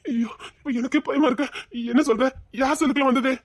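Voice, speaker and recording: A woman's voice: sits high, fast, no room sound, studio quality. A woman doing a panicky, pleading young man. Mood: frantic pleading. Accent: Tirunelveli Tamil. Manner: frantic, wailing and begging. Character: panicked young male boyfriend, pleading and guilt-ridden.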